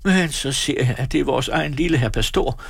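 A man's voice: on the low side, animated, a bit bright, husky, dry recording, studio quality, full character voice. A man reading an audiobook, voicing a coarse schemer who hisses curses and gushes with put-on piety in a raised, broken dialect. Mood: mock-pious gushing. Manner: hissing, whispered cursing; mock-pious, gushing put-on dialect.

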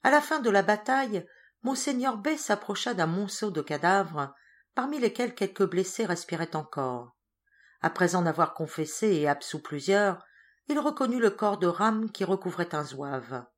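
A woman reading a classic novel aloud as an audiobook, in a measured storytelling way. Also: medium pitch, animated. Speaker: audiobook reader. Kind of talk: scripted narration.

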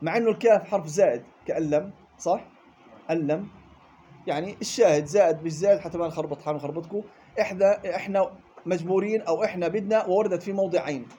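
A man teaches a classroom lesson in a fairly high voice that still sounds mellow and soft-edged. He explains each point briskly and repeats the important parts. A faint noise sits under his voice. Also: dull audio. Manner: explanatory, repeats key points, checks with students. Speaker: tajweed teacher.

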